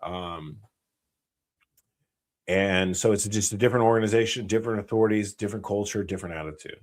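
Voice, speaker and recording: A man's voice: fairly low pitch, brisk. An American man hosting a live Q&A stream, talking bluntly and rambling, with heavy swearing. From United States. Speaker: channel host, former special operations soldier.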